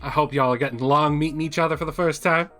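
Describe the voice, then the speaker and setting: A woman's voice: deep voice, steady tone, quick pace, fairly bright tone, faint music behind. A man voicing a chirpy woman sergeant major and mechanic who talks in a folksy, sugary way. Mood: cheerful. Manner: folksy and sugary, says y'all.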